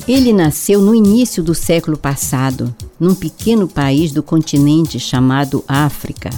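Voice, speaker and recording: A Brazilian woman hosting as a grandma storyteller, narrating for children in a measured fireside storytelling manner. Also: low-pitched, animated, mellow. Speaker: storyteller host of a children's radio segment, presented as grandma. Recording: faint music behind.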